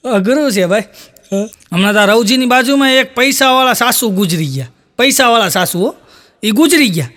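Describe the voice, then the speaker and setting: In this Gujarati folk comedy storytelling, a male stand-up comic meanders through tales, performing each character's lines. He speaks at a normal speed in a very high-pitched, animated voice with a fairly bright tone.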